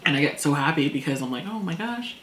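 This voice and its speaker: A woman chatting casually over a meal, talkative and quick to laugh, acting out things people said. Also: deep voice, expressive. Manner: chatty, laughs often, acts out past quotes. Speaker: co-host. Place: indoors at a table. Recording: echoey room, faint noise.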